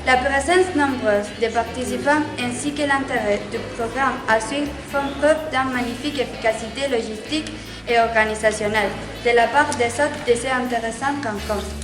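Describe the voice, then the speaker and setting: Upbeat woman field reporter, high voice, roomy echo, music underneath. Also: moderate pace. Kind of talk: on-site news report and interviews. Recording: echoey room with music behind.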